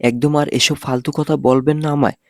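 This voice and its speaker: A man's voice: mid-range voice, steady tone, normal speed, darkish tone, no room sound, clean studio sound, natural voice. A man voicing a feisty eighteen-year-old girl who protests indignantly. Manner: indignant, whiny.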